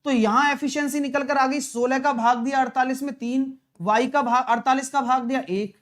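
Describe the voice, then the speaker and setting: A male math teacher talking a live online exam-prep class through problems, brisk and coaxing, calling viewers brother and dear. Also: extremely high pitch, fairly even intonation, a bit bright. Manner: brisk, coaxing, chatty, mixes English terms, calls viewers brother and dear.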